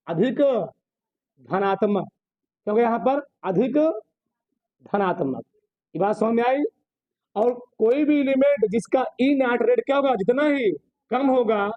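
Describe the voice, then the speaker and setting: A man's voice: extremely high pitch, dry recording, muffled recording. A man teaching a chemistry class in Hindi. He keeps posing questions to his students, answers them himself, and repeats key terms for emphasis. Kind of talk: classroom lecture.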